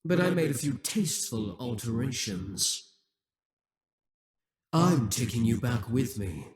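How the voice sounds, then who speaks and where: In an audio roleplay, a man with a lowish voice plays a possessive, scheming male demon king, speaking in a mocking, menacing way.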